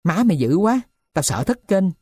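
A woman voicing a small, gentle, timid boy who speaks softly. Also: lowish voice, big pitch swings, normal speed, slightly rough, no room sound, clean studio sound. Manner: soft, hesitant.

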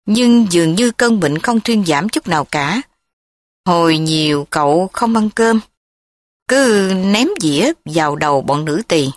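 A woman narrating a story in a steady, plain reading voice. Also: on the low side, unhurried, no room sound, clean studio sound.

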